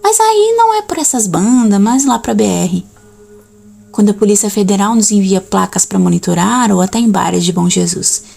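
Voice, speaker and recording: A woman's voice: medium pitch, expressive, moderate pace, gravelly, darkish tone, soft background music. A woman reading the lines of a cheerful, chatty older male country innkeeper with a strong Gaúcho accent. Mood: insistent. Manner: friendly, chatty.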